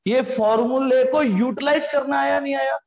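Physics teacher in an echoey room. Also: male voice, extremely high pitch, steady tone, normal speed, vocal fry. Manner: addresses students as beta, asks them questions. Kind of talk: classroom physics lesson.

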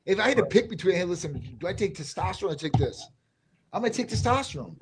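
A man's voice: sits high, lively intonation, fast, creaky, a little hiss or hum. A man who owns a clinic and co-hosts a live question-and-answer show, speaking bluntly and casually into a desk mic. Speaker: clinic owner, co-host. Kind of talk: live Q&A chat. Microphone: desk microphone.

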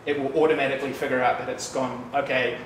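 A man in his thirties with a New Zealand accent talks at a quick pace in a medium-pitched voice, giving a relaxed, chatty developer talk at a meetup with many fillers and asides. It happens in a bright loft-like office before an audience. He stands away from the room mic, and the recording is distant and echoey with background noise.

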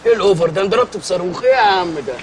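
A frantic Egyptian remote-hunter. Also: male voice, high voice, lively intonation, rapid-fire, heavy background noise. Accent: Egyptian Arabic. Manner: frantic, bursts into shouting. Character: frantic grown man obsessed with finding the remote. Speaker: comic actor. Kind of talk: TV sketch comedy.

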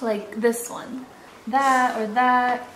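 A young adult woman chatting casually with small children, animated and encouraging, often prompting them with questions. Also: a little high, very slow. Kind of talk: casual family chat, talking to young children. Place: living room sofa, indoors. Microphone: camera across coffee table. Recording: echoey living room with clear noise.

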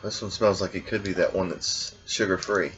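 A man's voice: low-pitched, steady tone, normal speed, noisy background. Easygoing man on a lo-fi recording. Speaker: food vlogger. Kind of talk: casual taste-test chat.

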